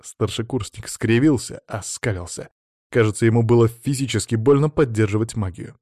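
A man reading fantasy-adventure narration in a steady, even storytelling manner. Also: lowish voice, normal speed, dry recording, studio quality. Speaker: audiobook narrator. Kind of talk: scripted narration.

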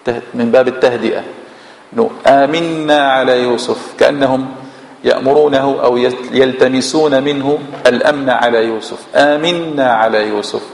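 A man's voice: medium pitch, fairly even intonation, moderate pace, creaky, a little hiss or hum. A man with a Levantine Arabic accent, a sheikh giving a Quran exegesis lesson in a mosque, posing rhetorical questions and answering them himself. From Syria. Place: large mosque hall. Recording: echoey mosque hall with long reverb.

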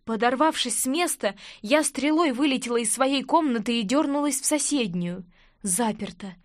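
Woman, high voice, lively first-person audiobook narration, dry close recording. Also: moderate pace, dry recording. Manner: lively, expressive.

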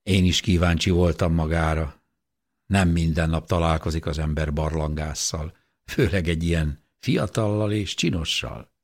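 A man playing a gentle old gentleman with a low, husky, unhurried voice. He speaks softly and kindly, with a sly, teasing charm, as an audiobook reading.

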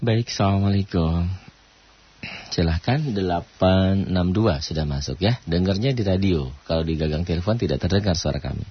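Low husky guy w teaching quran recitation on call-in radio, quizzes himself, dull lo-fi sound. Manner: asks questions and answers them himself, drawn-out chanted recitation examples. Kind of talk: radio call-in tajwid lesson. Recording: lo-fi radio broadcast.

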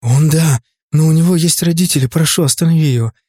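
A man's voice: a little high, fast talker, darkish tone, no echo, lightly acted. A man voicing a frightened young woman in an audiobook, pleading urgently.

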